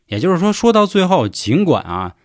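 A man's voice: high voice, very animated, fairly quick, no echo, studio quality. A man with a Beijing Mandarin accent telling an urban legend in a chatty, colloquial podcast style. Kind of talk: podcast storytelling.

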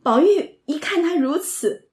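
A woman's voice: high-pitched, animated, unhurried, darkish tone, reverberant. A woman explaining and retelling a classic novel in a conversational way, often slipping into the characters' lines and using many filler words. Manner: retells scenes, slips into quoted dialogue, frequent filler words. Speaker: literature commentator.

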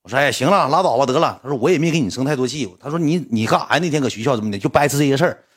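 A man's voice: medium pitch, animated, rapid-fire, slightly rough. A man with a northeastern Chinese accent telling a casual story in a rambling way, repeating words and acting out what others said.

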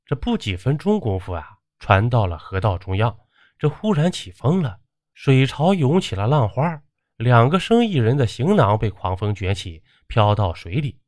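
A man narrating a folk tale in an expressive storytelling manner. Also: mid-range voice, moderate pace, no room sound, clean studio sound.

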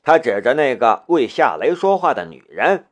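Expressive male novel narrator. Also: mid-range voice, moderate pace. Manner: expressive storytelling. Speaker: audiobook narrator.

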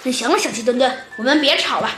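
A woman voicing a kind, patient monkey police chief who talks gently and reasons things through. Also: fairly high pitch, fast, natural voice. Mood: calm, reasoning. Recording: echoey room with faint music.

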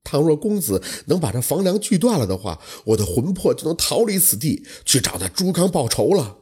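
A man's voice: fairly high pitch, very animated, a little fast, darkish tone, breathy edge, heavily acted. A man voicing a young female ghost who pleads sorrowfully for help, in a storytelling performance. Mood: tearful.

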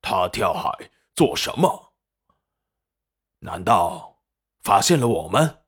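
A man voicing a gruff, suspicious one-eyed pirate boss in an audiobook. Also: low-pitched, very animated, takes it slowly, fairly bright tone, heavily acted. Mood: wary. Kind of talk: audiobook character voice.

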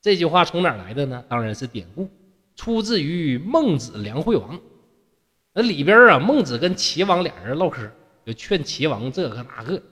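A man's voice: fairly high pitch, sing-song, normal speed, fairly bright tone, slightly rough. A man telling a classical tale in a colloquial style, chatty, asking and answering his own rhetorical questions as he explains. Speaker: storyteller. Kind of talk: colloquial storytelling with commentary. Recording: long reverb.

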